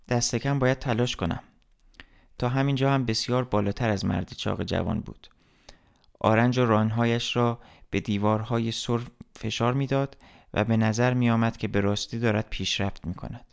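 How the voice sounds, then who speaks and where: A man narrating a literary story as an audiobook, reading in a steady, measured way. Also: medium pitch, gravelly.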